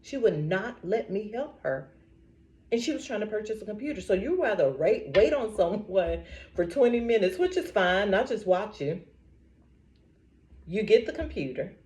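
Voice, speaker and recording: A woman's voice: medium pitch, normal speed. A woman talking casually to her camera as a vlogger, telling stories with lots of laughter and repeating affirmations like a preacher. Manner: animated storytelling, frequent laughter.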